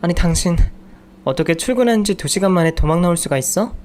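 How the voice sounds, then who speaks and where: A man's voice: fairly high pitch, moderate pace, a little mellow, slight background noise, lightly acted. A man voicing an exasperated young wife and mother who nags her jobless husband in a raised voice. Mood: scolding. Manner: scolding, raised voice.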